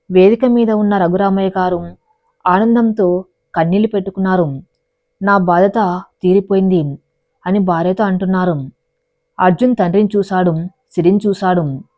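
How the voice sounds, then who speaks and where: A woman with a mid-range voice reads a dramatic love story aloud in a scripted storyteller style. The recording is dry, dull and lo-fi, with no room sound.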